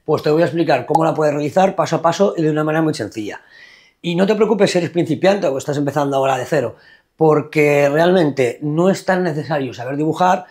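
A man with a Peninsular Spanish accent talks through a painting lesson in voice-over. He speaks quickly, with a slightly husky voice pitched a little high, and explains in a patient, reassuring way. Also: darkish tone. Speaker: watercolor painting teacher. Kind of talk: voice-over tutorial narration.

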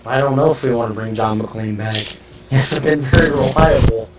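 An excitable man joking with friends while playing an online game. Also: medium pitch, moderate pace, heavy background noise. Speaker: gamer. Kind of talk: casual gaming chat.

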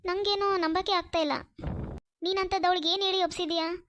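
A woman voicing a kind, trusting young female college student in a cartoon, soft and earnest. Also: very high-pitched, fairly even intonation, quick pace, no room sound, studio quality. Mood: surprised. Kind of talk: Kannada cartoon voice acting.

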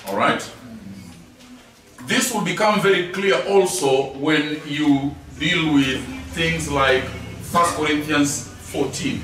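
With a fairly high, slightly bright voice, a Bible teacher gives an emphatic classroom lesson, asking rhetorical questions and repeating key words. It's recorded from a distant mic in a very echoey hall with faint background noise.

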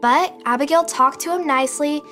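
High, encouraging teen girl. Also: moderate pace, sharp tone, faint music behind. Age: teens. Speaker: child actor presenter. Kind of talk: scripted kids' show dialogue. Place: studio set indoors.

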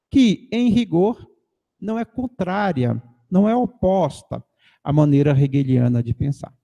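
A middle-aged man giving an academic lecture from a panel table into a table mic, measured and pausing to think. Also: a little high, warm tone. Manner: measured, thinking aloud with pauses and fillers. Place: conference hall, seated at a panel table. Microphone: table mic on a stand.

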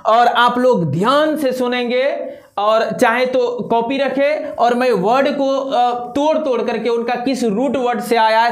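Male schoolteacher at a blackboard, unhurried and repetitive, recorded in a roomy, echoing space. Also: very high voice. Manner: slow, spells and counts letters aloud, repeats words. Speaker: teacher. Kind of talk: blackboard lesson for students.

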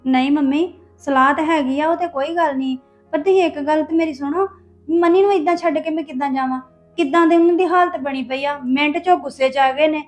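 This web drama actress plays a distressed young wife who feels hurt, defends herself, and pleads with complaints. Her high voice moves a little fast and sounds lightly acted over soft background music.

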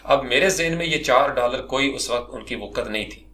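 A middle-aged man from Pakistan, a freelancer, telling his own career story as a lively personal monologue, often addressing his listeners politely. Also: mid-range voice, slight background noise.

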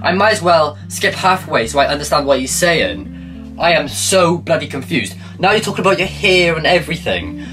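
A young man, a commentary YouTuber, does mocking, sarcastic reaction commentary in a fairly high, sing-song voice at normal speed, over music. He sits in a small room by a blue wall, filmed by a camera set back from him.

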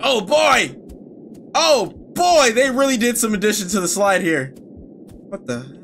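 A man's voice: very high voice, expressive, a little slow, fairly bright tone, a little hiss or hum. A young man giving playful horror game commentary as a scared streamer, nervous and mock-cheerful with exaggerated reactions. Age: young adult. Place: small indoor streaming room.

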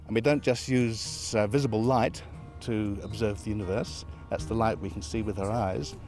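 A man's voice: on the low side, steady tone, normal speed, a little mellow, soft background music. A man, an astronomy professor answering interview questions in a modest, thoughtful way with small restarts. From Britain. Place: outdoors beside an observatory dome on a hill.

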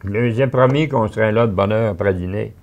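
A man's voice: fairly low pitch, brisk, darkish tone, dull audio, close to an everyday voice. A man voicing a practical young farmer with a Québécois accent, matter-of-fact. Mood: firm. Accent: Québécois French.

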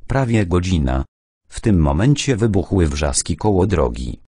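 A man narrating a first-person adventure audiobook in a measured, steady way. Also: sits low, breathy edge, dry recording, studio quality.

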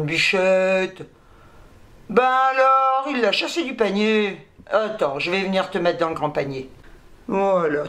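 A woman's voice: medium pitch, fairly bright tone. A French woman vlogging at home, scolding and cooing at her cats in a chatty way and tagging "hein" onto everything. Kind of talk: casual vlog talking to her pets.

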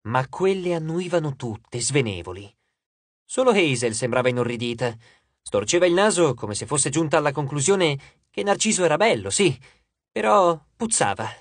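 A male reader narrates an audiobook with measured, expressive delivery. His pitch is lively and animated, and the recording is dry and close. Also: dry recording. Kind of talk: scripted narration.

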